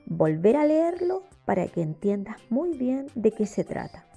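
Chilean woman teacher with a gravelly, husky voice. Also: on the high side, very animated, warm tone, faint music behind. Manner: slow, explanatory classroom delivery. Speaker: primary school teacher. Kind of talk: recorded remote lesson voice-over.

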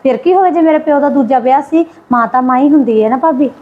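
A patient, pleading young mother, played by a woman, soothing and placating in a high, quick voice. The recording is slightly dull and muffled. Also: close to an everyday voice. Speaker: visiting daughter and mother.

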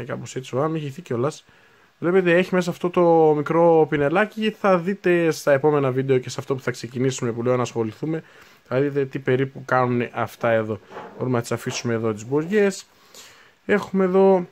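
A man in his twenties chatting casually as he unboxes new hobby supplies, thinking aloud and correcting himself as he goes. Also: fairly high pitch. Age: 20s. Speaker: unboxing video host.

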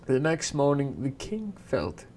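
A man's voice: medium pitch, wildly swooping pitch, measured pace, darkish tone, slight background noise. A young man reading a fairy tale aloud as a casual bedtime story, unpolished and breaking off to swear and laugh at himself.

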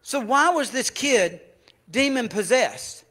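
A man preaches in a church with a high voice for a man. He tells his story in turns, from loud declarations to quiet, hushed admissions. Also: animated, takes it slowly. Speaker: pastor. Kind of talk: sermon.

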